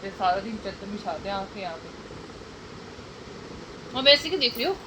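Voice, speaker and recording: A woman's voice: medium pitch, expressive, moderate pace, background noise. A young woman chatting casually in a couple's home vlog, teasing and laughing as she talks to viewers. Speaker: vlogger.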